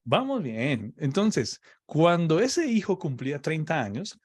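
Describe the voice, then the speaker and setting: A man's voice: fairly high pitch, big pitch swings, darkish tone, husky, no room sound, studio quality. A man teaching on faith in a conversation, explaining patiently and often checking "ok?" with his listener. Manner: slow, explaining, checks understanding with "¿ok?". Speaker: preacher.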